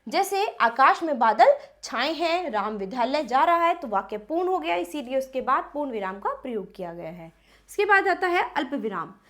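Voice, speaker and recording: A woman teaching a grammar lesson to children, reading examples slowly and asking the class questions. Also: high-pitched.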